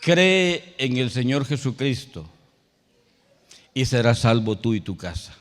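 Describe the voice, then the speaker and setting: A male pastor preaching a sermon. He tells a personal story and rises to loud, emphatic calls. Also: mid-range voice, sing-song, slow, long reverb tail. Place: church sanctuary.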